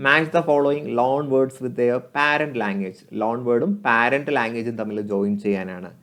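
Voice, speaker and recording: A man, teaching as an exam coach. He reads English questions slowly and deliberately, then explains them in Malayalam, repeating each key answer for emphasis. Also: medium pitch, a bit bright. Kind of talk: exam question walkthrough lesson.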